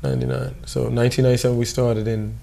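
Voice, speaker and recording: A man's voice: mid-range voice, racing, gravelly, slight background noise. A man, a youth program staffer, talking casually in an interview with many fillers. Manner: relaxed, informal, many fillers.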